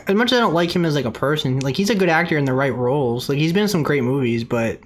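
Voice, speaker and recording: A man chatting casually as a panelist on a gaming podcast, animated and excitable, often repeating himself. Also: fairly high pitch, fast. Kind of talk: casual chat.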